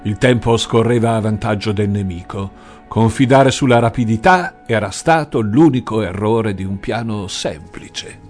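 A man reading a dramatic audiobook in an expressive, tense storytelling manner. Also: fairly low pitch, normal speed. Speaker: narrator. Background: music.

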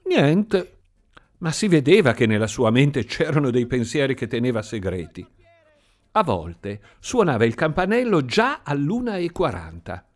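A man reading a story aloud in an expressive, sing-song storytelling manner. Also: medium pitch, moderate pace. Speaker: narrator. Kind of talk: audiobook reading. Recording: faint music behind.

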